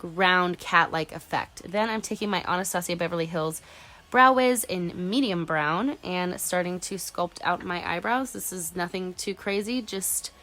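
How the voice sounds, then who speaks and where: Sounding congested from a cold, a woman in her twenties chats through a makeup tutorial voice-over as a beauty vlogger. Her voice is lowish and fairly bright, and her talk is casual and peppered with "like."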